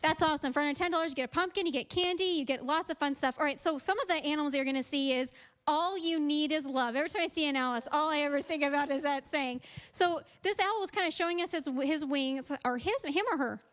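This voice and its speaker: High-voiced upbeat woman reporter. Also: fast talker, fairly bright tone. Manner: upbeat, chatty. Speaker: TV news reporter. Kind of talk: field reporting.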